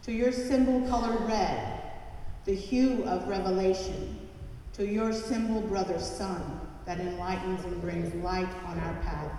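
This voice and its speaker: A woman's voice: mid-range voice, fairly even intonation, unhurried, warm tone, a little hiss or hum. A woman leading a recited church prayer in a solemn, chanted cadence with repeated refrains, heard through a cathedral echo. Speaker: prayer leader at a church service. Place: large church. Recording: cavernous church reverb from a distant mic.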